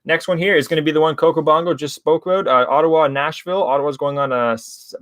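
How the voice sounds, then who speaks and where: A man's voice: a little high, steady tone, fast, a bit bright, no echo. A young man hosts a casual hockey betting livestream, rambling through picks and talking to chat viewers. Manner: chatty, rambling, addresses chat viewers as guys. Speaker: sports betting show host.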